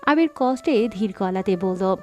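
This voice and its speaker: A woman narrating a scripted audio story in a steady, dramatic reading style. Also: medium pitch, unhurried.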